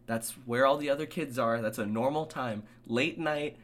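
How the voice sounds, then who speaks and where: Young man, podcast co-host, casual chat, animated ranting, frequent laughter. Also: mid-range voice, moderate pace.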